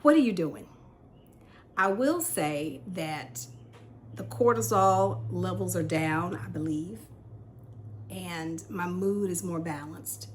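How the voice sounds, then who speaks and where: Middle-aged woman host, lowish voice, chatty and self-deprecating, faint hum behind. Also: slow, long pauses. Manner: candid, self-deprecating, laughs often. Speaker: podcast host. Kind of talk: casual tea-time chat.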